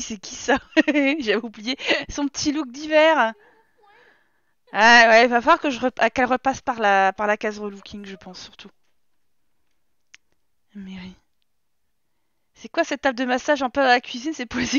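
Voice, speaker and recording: A woman's voice: fairly high pitch, moderate pace, long pauses, fairly bright tone, dry recording, highs cut off. A woman streamer giving casual let's-play commentary, talking to and scolding her game characters in an exasperated way. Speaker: gaming streamer.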